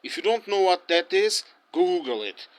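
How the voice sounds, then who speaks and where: A very animated man with a high voice speaks at normal speed, ranting in English during a street interview. Portuguese and German are his first languages, and his heated opinion comes out in fits and restarts.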